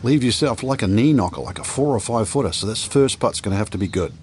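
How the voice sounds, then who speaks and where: A man's voice: on the low side, expressive, fast talker, darkish tone. A man giving conversational golf commentary as an analyst, with informal, explanatory asides. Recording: noisy outdoor ambience with crowd. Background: outdoor noise and crowd.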